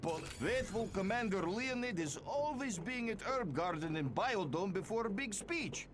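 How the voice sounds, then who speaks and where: A bitter male Russian miner from a video game, griping in broken phrasing with a high, lively voice. His pitch swings all over, and the game audio carries a noisy hiss behind him. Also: moderate pace. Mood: grumbling. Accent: mock Russian. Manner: complaining, broken grammar. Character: grumbling male Russian moon miner NPC.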